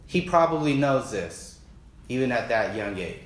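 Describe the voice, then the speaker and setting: A man's voice: medium pitch, moderate pace, reverberant. A man preaching in a casual, joking way, acting out the Bible characters as he tells a story to his listeners. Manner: animated, jokey, acts out Bible characters.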